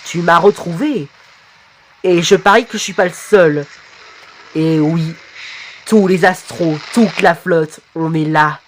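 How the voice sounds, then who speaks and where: A hulking, boastful alien warrior, played by a woman who lowers her voice and stretches each word to sound menacing. Slow and heavy, in a homemade cartoon dub. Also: a little hiss or hum.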